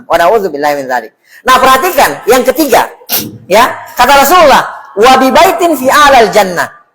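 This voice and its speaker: A man's voice: sits high, a bit bright, slightly rough, low-quality recording. A man giving a casual sermon, talking conversationally, reciting Arabic phrases and asking the audience questions. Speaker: Islamic preacher.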